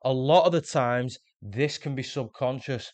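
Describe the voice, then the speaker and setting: A man's voice: mid-range voice, a little slow, darkish tone, dry recording. Earnest man explaining self-improvement. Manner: earnest, explanatory, repeats words when restarting. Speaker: self-improvement video host. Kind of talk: scripted motivational monologue.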